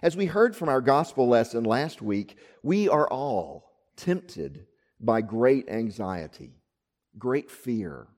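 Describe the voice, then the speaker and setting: A man preaching a sermon, telling a Bible story with lively acted-out voices for the figures. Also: medium pitch, takes it slowly, long reverb tail. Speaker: pastor.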